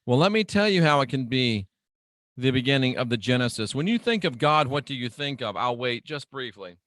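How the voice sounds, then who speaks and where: A man's dramatic radio monologue as host resembles a sermon: emphatic, deliberate, repetitive, and peppered with showman-like rhetorical questions for listeners. His mid-range voice has lively intonation and a bit of brightness, with no room sound.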